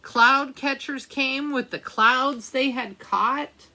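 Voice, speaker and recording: Slowly and in a high-pitched, pushed, bright voice, a woman reads a picture book aloud to children as the librarian at storytime. She speaks to her young audience as she goes, with questions and asides.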